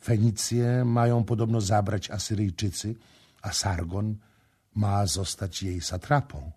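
A man's voice: lowish voice, steady tone, unhurried, darkish tone, slightly rough, voice pushed up. A man reading the part of a young priestess in an audiobook, tearful and pleading.

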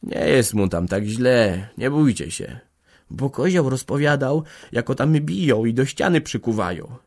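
A man reading aloud who voices a weary old man, speaking gently, soothingly and a little evasively. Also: medium pitch, lively intonation, unhurried, voice pushed up. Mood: reassuring.

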